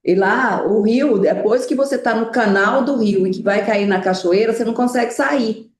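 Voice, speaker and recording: A woman's voice: a little high, moderate pace. Woman host of a live stream, chatty, roomy call audio. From Araguaia region, Brazil. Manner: chatty, uses homely comparisons. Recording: echoey online call.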